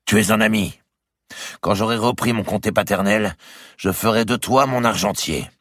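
A man voicing a boisterous, jovial giant of a nobleman in an audiobook, with a booming, exclamatory delivery. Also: moderate pace, a bit bright, no echo, studio quality. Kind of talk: audiobook character reading.

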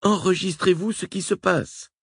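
A man reading a novel aloud, voicing a forceful, insistent woman journalist. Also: high voice, fairly even intonation, moderate pace, gravelly, slightly rough, dry recording, studio quality, pitched above the performer's own voice, heavily acted. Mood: urgent. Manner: sharp, insistent.

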